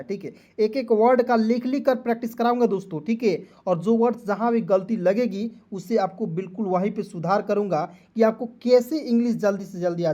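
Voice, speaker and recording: A man's voice: high-pitched, dark tone. Patient man spelling out words. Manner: keeps checking in with viewers as friends. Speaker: English teacher. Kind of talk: online lesson.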